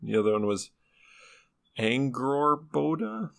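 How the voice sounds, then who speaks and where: A man's voice: medium pitch, big pitch swings, takes it slowly, vocal fry, a bit bright. A man presenting the topic on a casual podcast, laid-back, laughing often and swearing casually.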